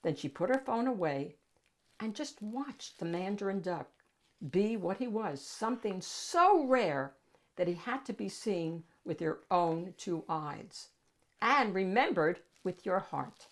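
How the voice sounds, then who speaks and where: Hosting storytime, a woman reads a picture book to a young audience in a mid-range, sing-song voice. She stretches key words and builds suspense with pauses.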